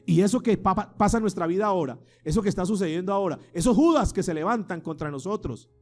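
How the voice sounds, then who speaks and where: A man's voice: high voice, animated, fast talker, a little mellow, soft background music. A man preaching a sermon as pastor, asking the congregation questions and having them repeat phrases after him. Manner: preaching with rhetorical questions and call-and-response.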